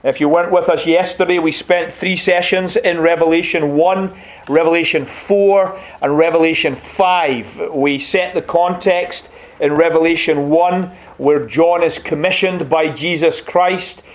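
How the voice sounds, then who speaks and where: A middle-aged Scottish man, a visiting pastor, giving a warm, conversational, gently humorous sermon in a church and reading scripture aloud. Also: on the high side, fairly even intonation, a little slow. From Scotland. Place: church sanctuary.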